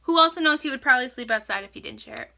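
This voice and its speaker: This young woman's voice is high, expressive, creaky, bright and forceful, and she talks very fast. Chatting at home, she guides viewers through a makeup tutorial as a vlogger, joking and saying "like" constantly.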